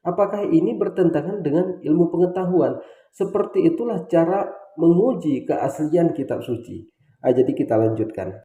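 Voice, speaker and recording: A man delivers emphatic, lecturing religious commentary with a dark, mellow tone. His voice sits a little high for a man. The sound rings with the echo of the room. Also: lively intonation, normal speed, highs cut off. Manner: emphatic, lecturing, lists points. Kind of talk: preachy commentary.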